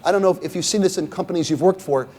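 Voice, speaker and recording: A middle-aged guest speaker lectures on leadership at a university symposium, his high voice racing with a darkish tone through a large hall. He talks conversationally, keeps checking in with "okay?" and "right?", and poses rhetorical questions to the audience.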